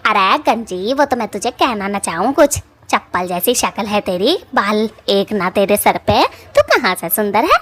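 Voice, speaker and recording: A woman voicing a scornful elder sister in a cartoon story, speaking in a slow, mocking drawl. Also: mid-range voice, expressive. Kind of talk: cartoon voice acting.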